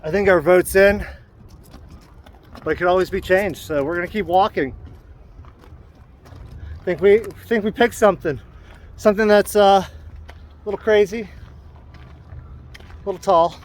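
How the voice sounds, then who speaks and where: A man's voice: high-pitched, normal speed, pauses often. A man vlogging casually while walking around an outdoor parking lot, sounding enthusiastic and admiring. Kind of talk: casual walk-and-talk vlog.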